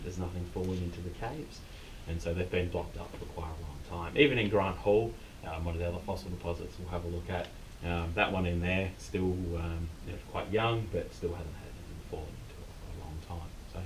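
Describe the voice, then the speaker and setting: Deep-voiced Australian cave guide, male, distant mic. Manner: informal, unscripted explaining. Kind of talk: casual explanatory tour talk. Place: inside a limestone cave. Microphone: distant camera mic. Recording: distant mic, noisy rumbling cave tour.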